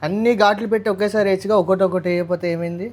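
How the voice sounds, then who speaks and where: A man hosting a casual cooking chat in a home kitchen, teasing and firing quick questions at the cook. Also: high voice, fairly even intonation. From Godavari region, Andhra Pradesh. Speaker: host.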